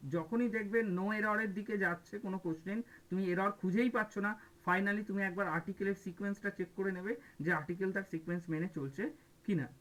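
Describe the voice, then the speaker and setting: A man's voice: sits high, steady tone, fairly quick, fairly bright tone, low-quality recording. A man teaching an English grammar lesson for competitive exams, posing questions to students and answering them himself while mixing in English terms. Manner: mixes English terms into explanations, asks and answers his own questions. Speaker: exam-prep English teacher. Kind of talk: classroom grammar lecture.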